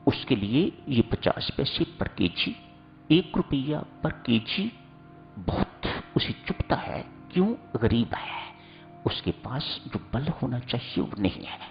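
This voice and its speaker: A man giving a slow, instructive sermon, addressing his listeners as seekers. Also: medium pitch, very animated, gravelly, lo-fi sound, soft background music. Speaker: spiritual preacher.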